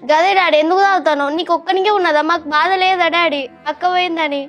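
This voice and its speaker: A woman's voice: extremely high pitch, steady tone, fast talker, fairly bright tone, soft background music. An actress with a Telangana Telugu accent playing a distressed young daughter who reproaches her drinking father. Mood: reproachful. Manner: reproachful, urgent. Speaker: actress in a family web drama. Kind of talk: dialect family drama acting.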